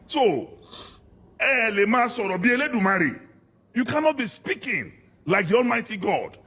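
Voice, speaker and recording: A man's voice: high-pitched, sing-song, moderate pace, bright, forceful tone, slightly rough. A Nigerian man arguing politics in a heated interview, fiery and preacher-like, hammering his points. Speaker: political guest.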